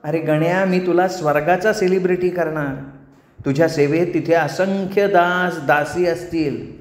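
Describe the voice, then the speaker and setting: A man's voice: steady tone, a little slow, echoey room, natural voice. A man voicing a seductive celestial nymph woman, speaking sweetly and coaxingly in a storytelling performance. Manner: sweet, coaxing, falsetto-ish.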